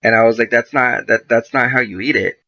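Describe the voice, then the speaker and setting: A man's voice: medium pitch, a little fast, bright, forceful tone. A man, a podcast guest, casually telling a story full of profanity and quoted back-and-forth dialogue. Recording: dull lo-fi podcast audio.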